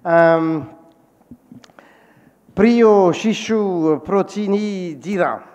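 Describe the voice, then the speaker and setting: Slow, halting man in an echoing hall. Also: high voice, a little mellow, slight background noise. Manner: halting, searching for words. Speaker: event moderator. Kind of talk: formal welcome speech. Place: large conference hall.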